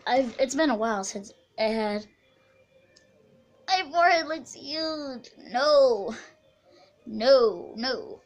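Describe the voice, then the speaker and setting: Rambling young woman vlogger. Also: medium pitch. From central California. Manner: rambling, self-interrupting, chatty. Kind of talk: casual storytime chat.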